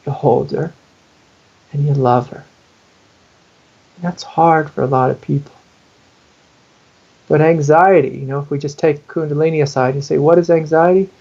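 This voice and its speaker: Gravelly-voiced man, earnest spiritual teacher. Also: a little high, darkish tone, highs cut off. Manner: earnest, intimate, acting out inner voices. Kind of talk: interview answer.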